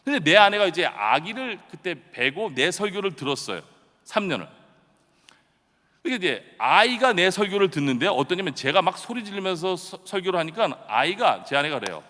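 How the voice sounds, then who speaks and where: Middle-aged male pastor, bright higher voice, animated sermon delivery, long church-hall reverb. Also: moderate pace. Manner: animated storytelling, sudden loud shouted bursts; chatty and self-deprecating with the congregation. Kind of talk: early-morning revival sermon. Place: church sanctuary.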